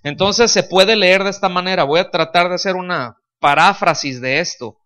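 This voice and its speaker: Bright-voiced male pastor teaching. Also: high voice, moderate pace. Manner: explanatory, checks understanding with frequent questions. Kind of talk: sermon teaching. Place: church.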